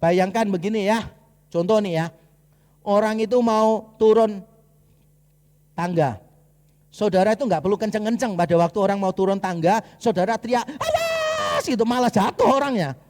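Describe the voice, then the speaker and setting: A man's voice: sits high, moderate pace, long pauses, darkish tone, a little hiss or hum. A man preaching a sermon as pastor, conversational and humorous, acting out little asides as he goes. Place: church hall. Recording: long hall reverb.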